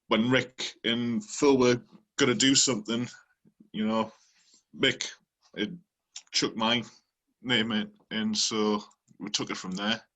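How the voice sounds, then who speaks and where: A man, a band member talking hesitantly, with many pauses and restarts. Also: lowish voice, sharp tone, low-quality recording. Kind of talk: casual interview chat.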